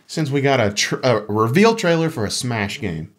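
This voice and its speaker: A male podcast co-host chats casually about video games, his mid-range voice sing-song and his pace moderate. He sounds enthusiastic and emphatic, keeping things informal and swearing along the way.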